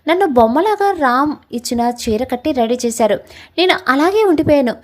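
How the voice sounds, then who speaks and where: A woman's voice: high-pitched, expressive, normal speed, rough recording. A young adult woman storyteller narrating a love story in the first person, with an emotional, dramatic reading.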